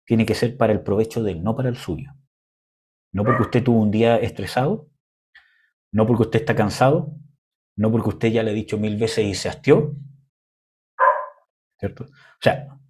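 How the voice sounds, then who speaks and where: A young man delivers a sermon in a loose, conversational way, stopping now and then to search for words. His voice sounds husky and a little breathy, at a middle pitch. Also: darkish tone. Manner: conversational preaching, frequent "¿cómo se llama?" fillers. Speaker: preacher.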